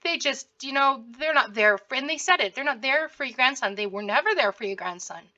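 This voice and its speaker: A commentary host speaks directly to camera, her high-pitched voice expressive, brisk, pushed and bright, though the recording cuts off the highs. She addresses someone confrontationally and says things over and over, her throat sore and scratchy.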